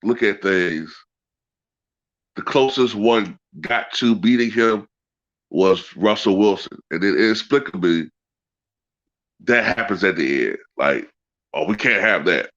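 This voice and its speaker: A man's voice: lowish voice, a little slow, long pauses, a bit bright, muffled recording. A man chatting casually and profanely as a sports livestream host, his nose stuffed up by a cold so he sounds congested and nasal. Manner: profane, colloquial, peppered with "man" and "you know". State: congested with a head cold, clearing throat. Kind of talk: casual rambling chat to live viewers.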